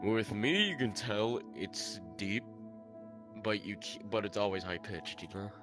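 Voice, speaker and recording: A young man with a Southern American accent, talking haltingly in a casual late-night podcast chat, often repeating words as he starts. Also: fairly low pitch, over music. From Southern United States. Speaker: podcast co-host.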